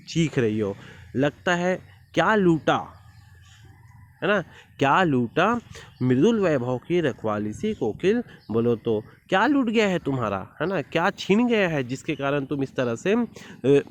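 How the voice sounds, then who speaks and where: A man teaching a school poetry lesson, reciting verse lines slowly and explaining each word, often checking with "है ना?". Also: mid-range voice.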